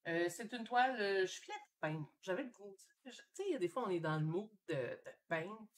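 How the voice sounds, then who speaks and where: A painter hosting a live stream talks fairly quickly in a medium-pitched voice with a Québécois French accent. Working from her home studio, she chats casually and relaxed, musing aloud with frequent fillers.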